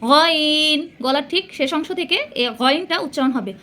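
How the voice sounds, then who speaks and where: A woman teaching Arabic letter pronunciation as a patient Quran reading teacher, sounding out each letter slowly and repeating it with care. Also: sits high, fairly bright tone. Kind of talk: slow recitation lesson.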